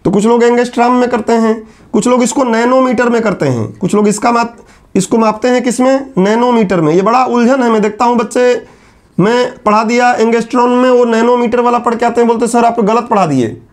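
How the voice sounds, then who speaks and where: A man giving a classroom lecture at a whiteboard. He asks the class questions, answers them himself and slowly repeats key terms. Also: very high voice, fairly even intonation. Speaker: teacher.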